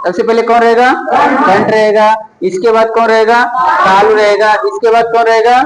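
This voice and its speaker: A man with a fairly high voice teaches in a plain classroom manner. He asks a question, answers it himself, and repeats each item slowly. The sound bounces around an echoey room. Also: steady tone, background noise. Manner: repetitive question-and-answer drilling, slow deliberate spelling out. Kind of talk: classroom lesson with call-and-response drilling.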